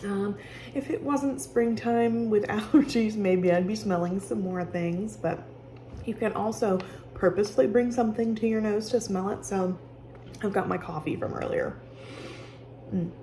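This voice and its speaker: A woman giving casual, conversational instruction as she guides a calming exercise with personal examples. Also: mid-range voice, normal speed, slight background noise. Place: office with sound machines nearby.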